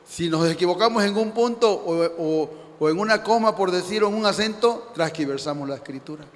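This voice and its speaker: A man in a Bible class giving an earnest comment, talking quickly with a few restarts. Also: sits high, long reverb tail.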